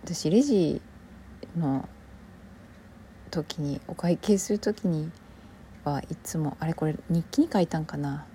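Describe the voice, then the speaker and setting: A woman with a Kansai Japanese accent talks on her own solo show in a relaxed, rambling way. Her voice sits a little low and sounds warm and mellow, and it often sinks to a soft near-whisper. A faint hiss sits under it. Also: slow pace, long pauses. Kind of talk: casual solo podcast chat.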